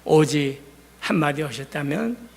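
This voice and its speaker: High, gravelly pastor preaching in a hall. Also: male voice, animated, a little slow. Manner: emphatic, dramatic retelling with swings between loud and hushed. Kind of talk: sermon. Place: church sanctuary. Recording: long hall reverb.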